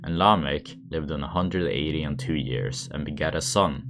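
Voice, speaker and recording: A man reading scripture aloud in a monotone manner. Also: extremely low pitch, normal speed, noisy background. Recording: background music under the voice. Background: music.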